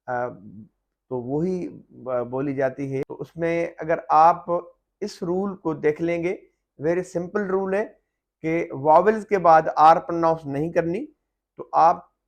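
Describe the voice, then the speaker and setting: A man teaching English silent letters, explaining slowly with frequent "uh" fillers and repeating example words loudly and carefully. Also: a little high. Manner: slow, deliberate explaining with many "uh" fillers.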